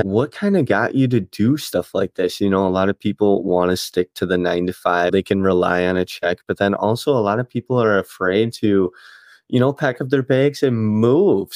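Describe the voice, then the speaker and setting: A man's voice: lowish voice, normal speed, darkish tone, dry recording. A man hosting a podcast, introducing his guest and asking questions in an upbeat, friendly way. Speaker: podcast host. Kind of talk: casual podcast interview.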